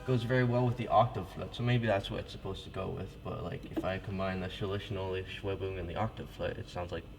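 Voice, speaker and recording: A man's voice: low-pitched, fairly even intonation, a little fast, creaky. A man casually demonstrating church organ stops at the console, talking informally with many restarts and fillers. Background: loud pipe organ playing.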